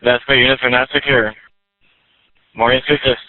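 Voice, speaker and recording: Flat-voiced man dispatching over police radio. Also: mid-range voice, brisk, no room sound. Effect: police radio transmission. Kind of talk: clipped radio dispatch readbacks. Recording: narrowband police radio with faint static.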